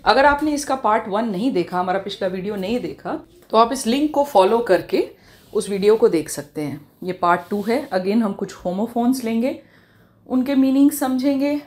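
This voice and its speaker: A woman with an Indian accent teaching English in Hindi, explaining slowly and spelling words out letter by letter. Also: medium pitch, a little mellow. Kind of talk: online language lesson.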